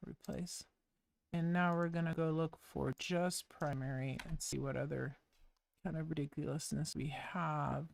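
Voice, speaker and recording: Here a woman thinks aloud while streaming web development work, her low-pitched voice darkish and full of vocal fry. She goes slowly, muttering wryly and casually about every step of the code she's typing.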